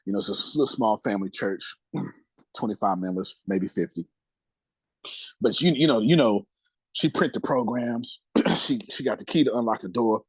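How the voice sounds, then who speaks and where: Man, husky voice, emphatic and repetitive, close dry mic. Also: lowish voice, normal speed, pauses often, no room sound. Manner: emphatic, repeats phrases, streetwise slang. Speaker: podcast guest. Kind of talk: candid storytelling interview.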